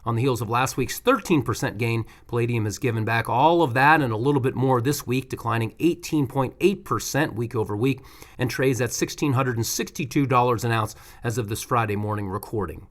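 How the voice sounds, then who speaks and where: A man's voice: mid-range voice, a little fast. A man presenting a scripted market report as a show's news presenter.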